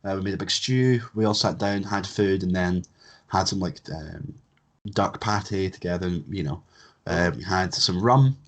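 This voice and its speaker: Young guy hosting a chill podcast, lowish voice, cracks jokes, swears a lot. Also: moderate pace. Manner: joking, swears freely. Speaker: podcast host. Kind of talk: casual podcast chat.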